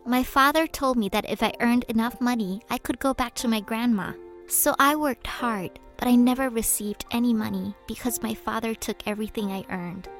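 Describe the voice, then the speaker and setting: Woman, interpreter voice-over in first person, higher voice, steady measured read, soft music underneath. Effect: interpreter voice-over speaking in first person. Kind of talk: translated first-person testimony from a video.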